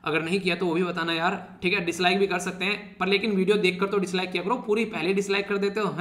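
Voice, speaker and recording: Male current affairs tutor, high fast voice, joking casual lecture style. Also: level tone, a bit bright, reverberant. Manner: chatty, teasing students, laughs often. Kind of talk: casual Hindi exam-prep lecture.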